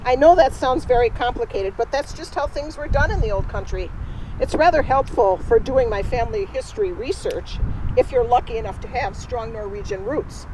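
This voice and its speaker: A woman's voice: fairly high pitch, moderate pace, noisy background, lightly acted. A woman playing a spirited Norwegian immigrant woman. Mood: chatty. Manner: talks straight to a live audience, friendly storytelling. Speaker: costumed re-enactor. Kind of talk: first-person historical re-enactment. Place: outdoors at a cemetery.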